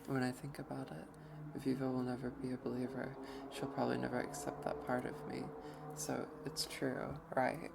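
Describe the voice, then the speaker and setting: Brief: let's play streamer reading a visual novel aloud, gravelly and slow, mid pitch, game music underneath. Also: flat delivery, noisy background. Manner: slow, hesitant first-person reading.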